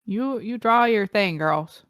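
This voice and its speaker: A young woman co-hosts a casual podcast, blunt and joking, often breaking into laughter. Her voice sits at a middle pitch and is recorded dry and close, with no room sound. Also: lively intonation, slow, a bit bright, clear, resonant tone, no echo. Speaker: podcast co-host. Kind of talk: casual chat.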